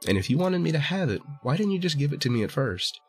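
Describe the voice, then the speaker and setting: A man reads as a cautious, earnest boy who turns down a bargain politely. The voice is raised and husky, with faint music behind it. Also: fairly high pitch, sing-song, quick pace, voice pushed up. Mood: wary. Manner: wary, polite refusals.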